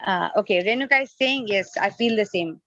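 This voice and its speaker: A Nepali-speaking woman with a mid-range, brisk, bright and forceful voice leads an online class as a spiritual teacher. Her devotional lecture is interactive: she keeps asking questions and explains by rephrasing and repeating her points. The call audio is dull and lo-fi.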